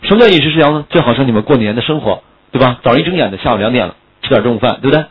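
A man's voice: medium pitch, expressive, muffled recording, crowd noise. A man teaching English vocabulary in a classroom lecture, joking and asking his students questions. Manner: quick, joking, asks students questions often.

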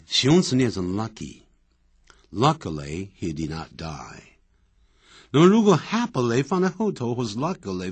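A man with a husky voice giving a grammar lecture, explaining step by step and repeating example sentences. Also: sits low, no room sound. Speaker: English grammar teacher. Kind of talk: classroom-style grammar lecture.

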